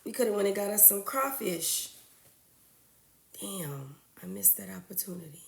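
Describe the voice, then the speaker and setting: Chatty woman with a gravelly voice. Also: mid-range voice, expressive, moderate pace, reverberant. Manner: chatty, greets viewers by name. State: congested from a cold. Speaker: registered nurse hosting a livestream. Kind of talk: casual livestream chat.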